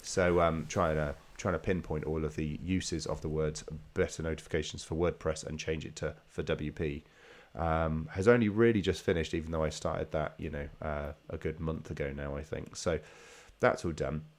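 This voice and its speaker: A man with a very low-pitched voice that sounds nasal and congested with a slight cold. He talks casually, as the host of a podcast. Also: steady tone, moderate pace, few pauses. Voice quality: nasal, stuffed-up voice.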